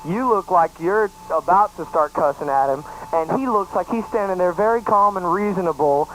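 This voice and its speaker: A man's voice: sits high, normal speed, a bit bright, slight background noise, poor audio. A young man casually telling a story on a talk show, laid-back and saying man a lot. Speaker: guest co-host. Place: studio, public access show.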